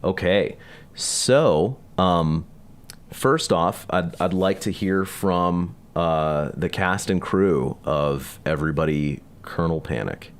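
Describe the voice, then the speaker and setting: Deep, creaky male host, easygoing and hesitant, over voice chat. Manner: relaxed, halting, lots of fillers. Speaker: host of a live release party. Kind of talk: casual live-stream chat. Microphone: online voice chat.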